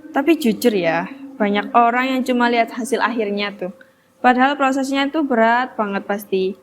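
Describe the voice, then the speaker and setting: A young woman hosting an interview, asking lively, curious questions in a casual, friendly way. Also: a little high, moderate pace, background noise. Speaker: interview host.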